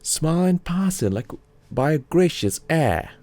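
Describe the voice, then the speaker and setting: A man's voice: fairly high pitch, sing-song, a little slow, a little mellow, dry recording, pitched above the performer's own voice. A man playing a teasing, jovial old uncle in whispered role-play, with a wry manner. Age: older.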